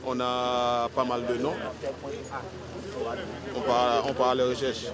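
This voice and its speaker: Slow, hesitant police commander. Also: male voice, mid-range voice, monotone, a loud crowd. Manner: hesitant, repeats himself. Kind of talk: interview on location.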